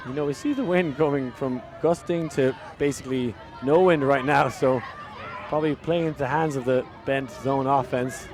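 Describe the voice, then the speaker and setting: With a crowd audible in the background, an Irish-accented man does live sports commentary at a normal speed. Between chatty stretches full of fillers, his voice climbs in pitch and volume whenever a big play happens.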